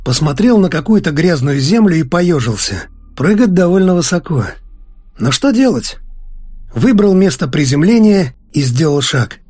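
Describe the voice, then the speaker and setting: A man narrates a novel with an expressive, ironic delivery. His voice sits a touch high and is slightly husky, with lively rises and falls. Faint music plays underneath. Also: normal speed. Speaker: audiobook narrator.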